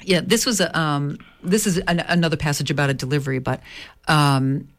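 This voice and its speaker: In an interview conversation, a native English-speaking midwife and author talks a little fast in a low voice with fairly even intonation. She is reflective, hesitates often, and keeps restarting sentences with plenty of fillers.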